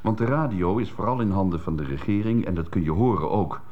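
Columnist: deep-voiced man, dry sarcastic read, muffled old worn tape. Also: lively intonation, fairly quick. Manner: wry, sarcastic asides. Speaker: radio columnist. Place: radio studio.

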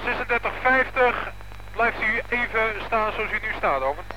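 A man's voice: high-pitched, lively intonation, moderate pace. A man at a police command post, giving orders over a walkie-talkie in clipped radio procedure, closing with "over". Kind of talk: two-way radio traffic. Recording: crackly archival radio transmission.

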